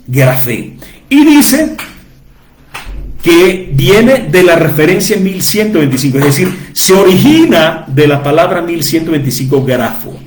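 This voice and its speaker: A man's voice: a little high, animated, unhurried, roomy sound. A man teaching from the Bible to his listeners, repeating key words and asking rhetorical questions for emphasis. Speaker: preacher.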